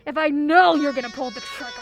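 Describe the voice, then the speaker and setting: A woman's voice: high-pitched, heavily acted. A woman voicing a tough, blunt teenage girl bully from a video game, taunting and threatening in a curt way. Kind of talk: video game character voice acting.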